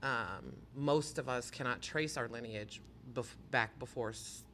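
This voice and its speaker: A man's voice: mid-range voice, measured pace, bright, forceful tone, a little hiss or hum. A man who organizes a pride festival, speaking passionately and emphatically as a podcast interview guest at a museum. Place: museum near a university campus.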